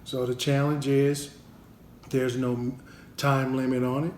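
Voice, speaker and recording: A man talks his way through an eating challenge on his family vlog, chatty and in no hurry. His voice sits at an ordinary middle pitch. The room is echoey, with a faint hiss behind him. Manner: relaxed, unhurried, chatty with fillers. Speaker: family channel vlogger.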